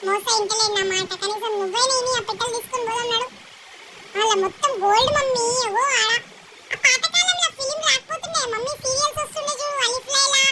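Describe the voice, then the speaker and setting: A young girl, chatting excitedly and bossily, whispering secrets as she narrates a family vlog. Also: very high voice, fast talker. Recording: loud background noise.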